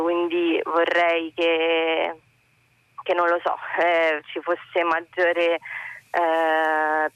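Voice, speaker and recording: A woman from Rome calling in to a radio show over the phone, earnest and pausing to search for words. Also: deep voice, fairly bright tone, no echo. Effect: heard over a phone line. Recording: dull lo-fi phone line, dry.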